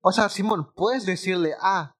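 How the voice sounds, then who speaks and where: Brief: young guy, slightly high voice, rambling gamer chat with slang. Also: normal speed. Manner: animated, rambling with restarts and slang. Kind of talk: casual gaming chat.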